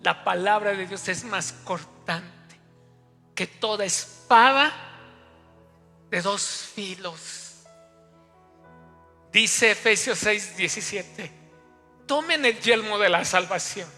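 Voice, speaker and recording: A man's voice: high-pitched, slow pace, long pauses, pushed and bright. A man, preaching a sermon as pastor and telling a story straight to the congregation. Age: 50s. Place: church hall. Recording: long church hall reverb, faint music.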